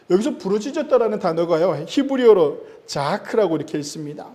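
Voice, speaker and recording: Pastor, man, high mellow voice, emphatic preaching, long church-hall reverb. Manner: emphatic preaching with rising stress and sudden drops in loudness. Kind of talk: sermon. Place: church sanctuary.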